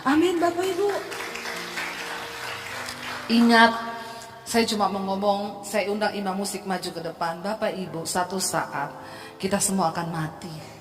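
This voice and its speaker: A woman pastor preaching a sermon, animated, swinging between loud exhortation and soft storytelling. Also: medium pitch, a little slow, pauses often, over music. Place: large church hall. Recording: echoey church hall from far off.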